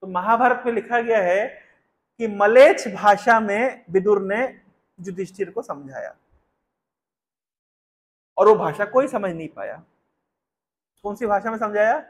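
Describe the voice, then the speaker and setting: A man giving a spiritual discourse, chanting verses slowly and then explaining them to a gathered audience with frequent questions. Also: high-pitched. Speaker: spiritual teacher.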